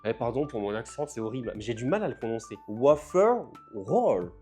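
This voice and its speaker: An older man talks his way through an unboxing, chatty and quick to laugh. His voice is mellow and warm. He trips over English words as he reads them out. Soft music plays underneath. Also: medium pitch. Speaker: vlogger. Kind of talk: casual unboxing vlog.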